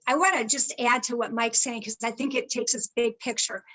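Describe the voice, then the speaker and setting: High bright lady on a legal panel, making her case with lots of emphasis. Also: steady tone, a little fast, poor audio. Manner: emphatic, rhetorical, quotes imagined voices. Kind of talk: online panel discussion.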